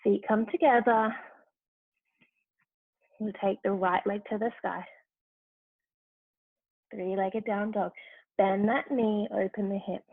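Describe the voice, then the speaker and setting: A woman's voice: mid-range voice, fairly even intonation, slow pace, pauses often, no room sound. A woman leading a yoga class, giving short, encouraging cues for each movement. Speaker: yoga instructor. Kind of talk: guided yoga class instruction. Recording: tinny phone-like dry sound.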